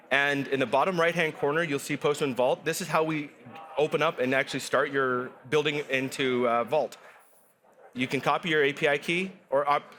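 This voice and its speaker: A man guest explaining a software product in an upbeat, explanatory way, with some restarts. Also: fairly high pitch, a little hiss or hum. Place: conference studio set.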